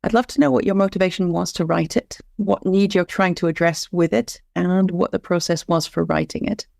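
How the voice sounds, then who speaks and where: Male podcast host, high and gravelly voice, upbeat interviewer, dry recording. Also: steady tone, brisk, darkish tone, no echo.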